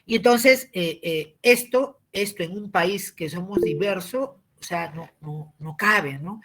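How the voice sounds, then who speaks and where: A man, giving a civics lesson as a teacher. He explains patiently, often tags his points with a question and clears his throat. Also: high voice, slow, sharp tone.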